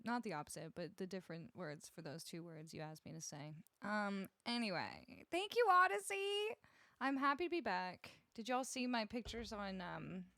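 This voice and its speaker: This woman music streamer has a mid-range voice and talks casually to her live viewers, welcoming each by name and often laughing. She uses a close studio broadcast microphone, and there's no room sound.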